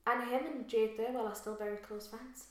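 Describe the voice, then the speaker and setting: A woman co-hosting a casual podcast chat, enthusiastic and quick to gasp and laugh. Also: a little high, steady tone, fairly bright tone. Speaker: podcast co-host. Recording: very echoey room.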